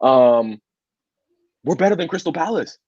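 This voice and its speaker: A podcast co-host argues bluntly and emphatically in a casual football debate, often repeating words to drive his point home. His slightly high voice is husky, darkish and animated, though unhurried. The audio is dull and muffled, with no room sound.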